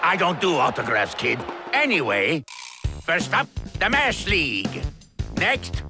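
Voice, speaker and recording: An actor voicing Wario, a greedy, boastful male schemer in a video game, brash and gravelly, over loud game music. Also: fairly high pitch, wildly swooping pitch, slow pace, a crowd in the background, heavily acted. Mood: dismissive. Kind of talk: video game cutscene voice acting.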